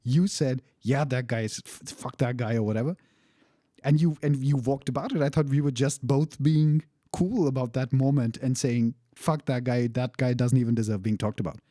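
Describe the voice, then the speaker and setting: A man's voice: medium pitch, moderate pace, mellow, no room sound, clean studio sound. A young man casually telling a personal story, candid and profane, laughing now and then. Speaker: storyteller recounting a travel experience.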